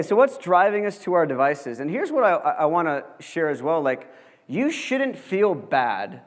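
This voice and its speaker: A young man giving a casual lecture to college students, chatty and joking, full of fillers. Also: a little high. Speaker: guest lecturer. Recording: long reverb of a large hall.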